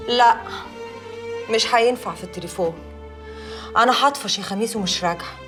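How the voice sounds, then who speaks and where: A woman's voice: a little high, fairly quick, over music, lightly acted. An actress playing an urgent, secretive woman with an Egyptian accent, talking insistently. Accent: Egyptian Arabic. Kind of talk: TV drama acting.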